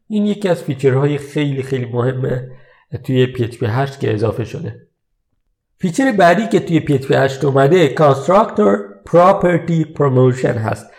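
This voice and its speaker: A man hosting a programming podcast, explaining software features in a relaxed, conversational way. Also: mid-range voice. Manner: relaxed explanatory, uses many English tech terms. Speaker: podcast host. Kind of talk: casual tech podcast explanation.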